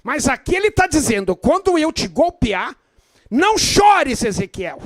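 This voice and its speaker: A man with a Brazilian Portuguese accent preaches with a very high voice. He swings from fervent shouts down to hushed low tones and stretches out the words he stresses. The sound is close and completely dry. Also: very animated, unhurried, no room sound. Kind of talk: evangelical sermon.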